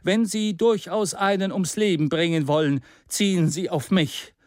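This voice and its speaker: A man's voice: high voice, steady tone, normal speed, darkish tone, no echo, studio quality, voice pushed up, natural voice. A devoted, earnest loyal friend, as a man reads him.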